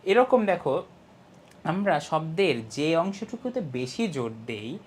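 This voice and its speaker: Lively young male English teacher. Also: a little high, slightly rough. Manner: explains step by step, often asks "ঠিক আছে?"; reads English lines slowly and stresses key syllables. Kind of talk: online class lesson.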